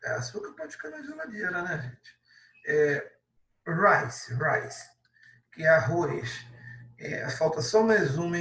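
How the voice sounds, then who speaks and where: Patient Brazilian teacher in an echoey room. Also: male voice, high voice, a bit bright, far from the mic. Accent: Brazilian Portuguese. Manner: patient, explains step by step, adds many tag questions. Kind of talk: classroom lesson correction.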